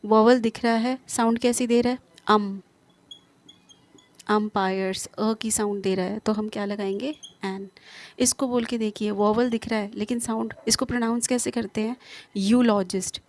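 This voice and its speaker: A woman with a slightly high voice teaches an English grammar lesson. She poses quick questions and answers them herself. She reads each example sentence slowly and carefully. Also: a little mellow.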